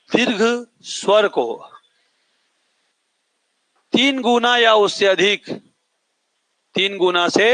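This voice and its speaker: A male teacher lectures with a high, bright voice. He poses questions and repeats the answers so the class can echo them, and sometimes draws vowels out long. The sound is close and dry. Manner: repeats each point and asks the class to echo it back; stretches out vowels to show their length.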